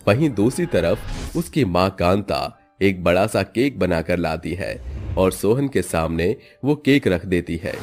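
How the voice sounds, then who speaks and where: A man narrating a scripted story in a steady, even way. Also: deep voice.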